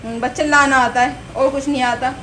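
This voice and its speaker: A woman's voice: high voice, fairly even intonation, a little fast. A woman vlogger, chatting casually to her pet parrots and switching between scolding and coaxing baby talk.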